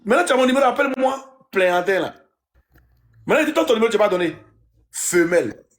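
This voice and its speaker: A man's voice: high voice, expressive, quick pace. Teasing Ivorian man hosting a live stream. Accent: Ivorian French. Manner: teasing, repeats himself. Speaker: livestream host. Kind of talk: casual live-stream banter.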